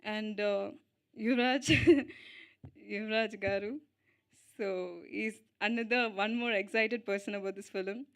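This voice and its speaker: A young woman speaking at an event on stage into a mic, switching between Telugu and English, halting with fillers and little giggles, slow and heartfelt. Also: mid-range voice, fairly even intonation, a bit bright, clear, resonant tone. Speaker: lead actress giving a speech. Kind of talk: emotional stage speech at a film event.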